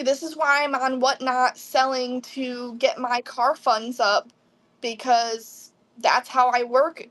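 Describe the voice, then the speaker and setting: High-voiced woman in her twenties, unhurried. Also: a bit bright. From Midwest USA. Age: 20s. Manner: chatty, answers viewers' comments. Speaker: live online seller. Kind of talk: casual livestream chat.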